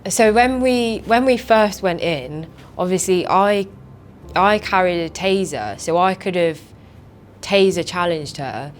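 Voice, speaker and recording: A woman's voice: lowish voice, lively intonation, slow, slight background noise. A female police officer in a documentary interview, recounting a call casually and hedging her words often.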